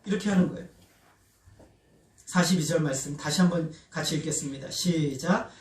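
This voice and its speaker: A man's voice: on the high side, normal speed. A man preaching a sermon as pastor, animatedly asking the congregation questions and leading them in call-and-response. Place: church sanctuary. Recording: roomy church hall, voice from a distance.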